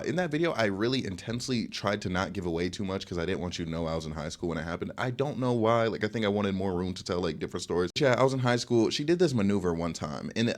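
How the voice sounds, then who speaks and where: A young man telling a casual storytime monologue, chatty and loose, tagging nearly every sentence with "okay?" and filling gaps with "like". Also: fairly low pitch. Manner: chatty, repeats "okay?" and "like" constantly. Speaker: storyteller vlogger.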